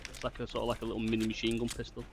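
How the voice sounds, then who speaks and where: A man's voice: medium pitch, monotone, racing, far from the mic, a little hiss or hum. A man talking with a teammate on voice chat during a game, laid-back and shrugging things off. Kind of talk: casual gaming chat.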